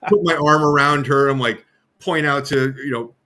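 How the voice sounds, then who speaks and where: A man's voice: fairly high pitch, normal speed. A man co-hosting a live online hypnosis show, telling stage stories with stammered restarts over a video call. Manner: animated anecdote teller, stammering restarts. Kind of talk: casual storytelling chat.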